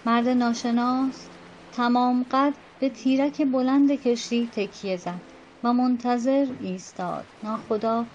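A woman's voice: on the high side, fairly even intonation, darkish tone, slight background noise. Woman narrating a storybook tale. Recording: dull lo-fi with faint music.

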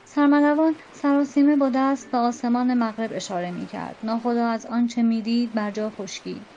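A woman's voice: a little high, fairly even intonation, warm tone, slight background noise. Woman narrating a storybook tale. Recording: dull lo-fi with faint music.

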